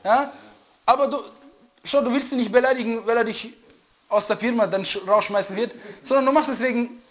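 A man giving a religious lecture who often stops to search for the right word and checks whether listeners follow. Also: extremely high pitch. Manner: often pauses to search for German words; asks listeners to confirm they follow. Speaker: religious teacher. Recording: dull lo-fi recording.

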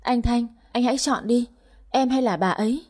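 Brief: woman doing a pushy young mistress, higher and sharp-tongued, husky tone. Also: moderate pace, close to an everyday voice. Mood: tearful pleading. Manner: shrill, rude, tearful pleading. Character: young scheming female mistress, shrill and tearful.

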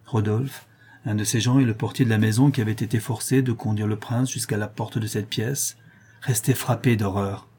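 A man narrating a classic novel as an audiobook, with a steady, dramatic storytelling manner. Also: lowish voice, normal speed, breathy edge.

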